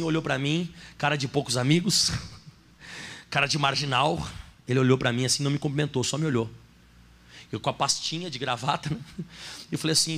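A man's voice: a little high, gravelly, a bit bright. A man preaching a sermon as pastor, telling a story and speaking directly to his congregation.

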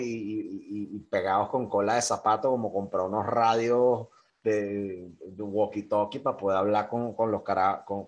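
A man's voice: on the low side, a little mellow. A man explaining world news in a loose, chatty way, with many fillers and restarts. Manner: loose and conversational, many fillers and self-corrections, frequent "¿ok?". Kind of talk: casual explainer talk.

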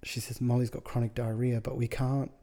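A man's voice: mid-range voice, flat delivery, a little fast, dark tone. A man casually telling a rambling story, with lots of quoted dialogue and amused asides. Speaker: podcast host, wedding photographer.

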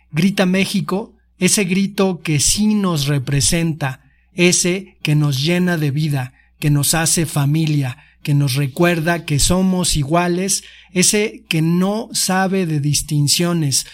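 A young Mexican man hosting a podcast, reading a manifesto aloud in a steady, declamatory way. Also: fairly high pitch. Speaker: podcast host.

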